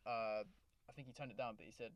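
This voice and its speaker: A man co-hosting a casual podcast chat, relaxed and responsive. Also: medium pitch, fast, no echo, muffled recording. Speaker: co-host.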